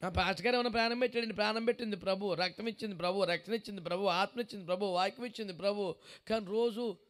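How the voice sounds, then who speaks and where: A man's voice: high-pitched, racing, a bit bright. A man preaching a sermon as a pastor, firing rhetorical questions at the congregation and repeating phrases for emphasis. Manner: emphatic repetition.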